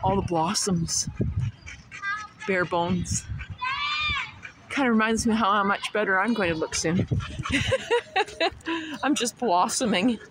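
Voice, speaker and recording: A woman's voice: mid-range voice, lively intonation, slow, pauses often, noisy background. A woman in her sixties rambling outdoors, laughing often and chatting to her dogs. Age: 60s. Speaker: vlogger talking to children.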